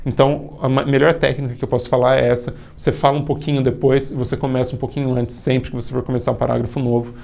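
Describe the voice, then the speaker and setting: A man's voice: medium pitch, level tone, quick pace, vocal fry, hardly any pauses, a little mellow. A young man with a Brazilian Portuguese accent, teaching a video course and explaining step by step in a casual way. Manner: talks it through step by step, with restarts.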